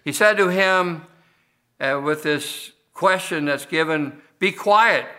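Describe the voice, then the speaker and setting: An older man preaching a sermon as a pastor, measured and unhurried, pausing often and restarting his phrases. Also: on the high side, pushed and bright. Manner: measured, unhurried delivery with frequent pauses and restarts.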